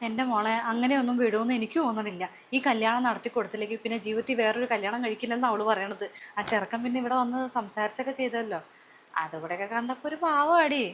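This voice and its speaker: A woman playing a worried middle-aged mother who pleads with her daughters to stay calm, in a family skit. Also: fairly high pitch, fast, slight background noise, close to an everyday voice. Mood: soothing.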